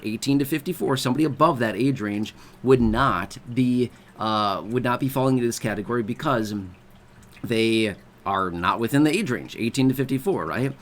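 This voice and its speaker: A man with a mid-range voice and lively intonation hosts an online video at a normal pace. He explains benefits in a conversational way, frequently checking in with his listeners.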